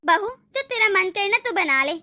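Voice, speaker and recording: A woman voicing a sickly, kind older mother-in-law in an animated family drama, speaking in a soothing, pleading way. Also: very high-pitched, normal speed, exaggerated voice. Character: sickly, kindly older mother-in-law, always defending her daughter-in-law.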